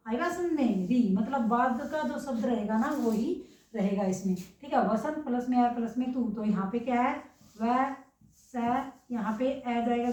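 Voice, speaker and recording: A woman's voice: a little high, darkish tone. A young woman teaching a grammar lesson, asking questions and then answering them herself, often saying "okay" to check along. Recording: echoey room, mic far away.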